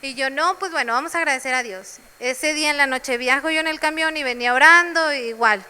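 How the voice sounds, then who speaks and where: A woman's voice: sits high, fairly quick, pushed and bright, in a large hall. A woman preaching a sermon in a church, sharing personal testimony.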